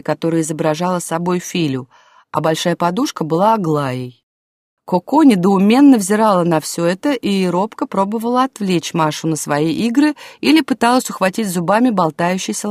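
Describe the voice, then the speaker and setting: A woman narrating an audiobook in a calm storytelling manner, dropping to a hush in quiet scenes. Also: fairly low pitch, no echo, studio quality.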